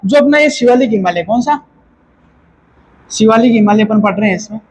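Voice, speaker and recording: High-voiced man teaching a quiz-style lesson. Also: animated, a little fast, a little hiss or hum, low-quality recording. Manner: repeats key terms as quiz questions, self-corrects; casual explaining tone. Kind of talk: exam-prep geography lecture.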